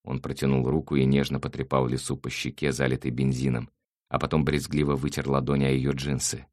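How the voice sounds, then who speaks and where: A man narrating an audiobook in a steady, even reading voice. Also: rumbling low, fairly quick, dry recording, clean studio sound.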